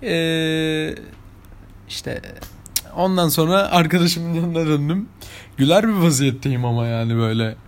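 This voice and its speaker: In an unhurried, fairly high-pitched voice, a young vlogger from İzmir, Turkey, tells his viewers anecdotes in a relaxed, chatty monologue, his İzmir Turkish accent clear throughout.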